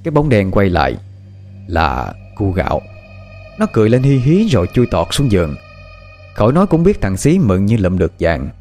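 Low-voiced male horror storyteller. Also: quick pace. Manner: expressive, dramatic pacing. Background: faint music.

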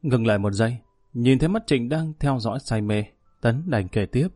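A man narrating a story in a calm, even reading voice. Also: medium pitch, moderate pace, no echo, studio quality, soft background music. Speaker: audiobook narrator. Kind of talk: scripted narration.

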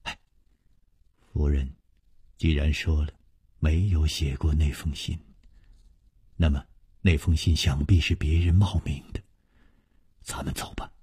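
A hasty young disciple who speaks in a hushed, urging undertone, as a storyteller puts him on. The voice is low, husky and breathy. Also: male voice, no room sound, clean studio sound, exaggerated voice. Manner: hushed and hurried.

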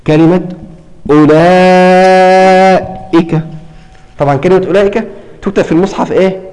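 A man with a fairly high voice teaches a recitation class. He quizzes his students and repeats each term, and he stretches words out slowly when he shows how they are read. His voice rings with a long hall reverb. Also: dark tone. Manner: prompts students with questions, repeats key terms. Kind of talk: classroom lesson on tajweed.

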